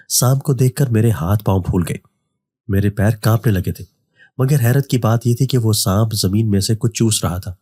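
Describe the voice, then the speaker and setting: A man reading a horror story aloud as scripted first-person narration, in a steady even delivery. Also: lowish voice, husky, dry recording, clean studio sound.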